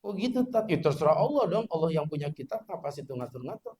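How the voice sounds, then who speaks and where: A man preaching a mosque sermon in a lively, joking way, chanting short recitation examples. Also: a little high, fast.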